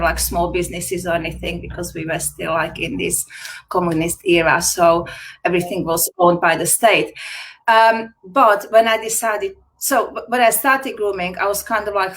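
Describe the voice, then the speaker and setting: This guest is a retired dog groomer from Slovakia whose first language is Slovak, laughing through a casual interview chat on a video call. Her voice is lowish with a fairly bright tone, and the rough recording has slight background noise. She's chatty, with frequent laughter and loose grammar.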